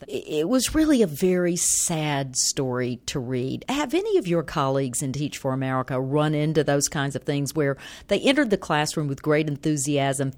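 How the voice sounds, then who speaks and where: A woman interviewing a guest, asking measured, thoughtful questions. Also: deep voice.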